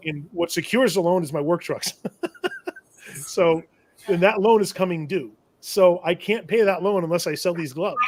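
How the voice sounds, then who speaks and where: A man's voice: high-pitched, normal speed, darkish tone, slight background noise. A man who sells tools to shops, telling a long business story in a casual, rambling way, often correcting himself and chuckling at his own trouble. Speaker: shop owner and tool vendor. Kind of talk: casual storytelling on a live show.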